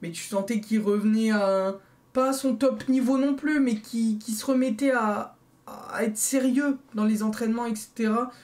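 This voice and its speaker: Young man, mellow voice, casual football recap, repeats himself for emphasis, small bedroom, webcam mic. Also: extremely high pitch, normal speed. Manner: animated, repeats phrases for emphasis, addresses viewers as guys. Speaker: football video creator.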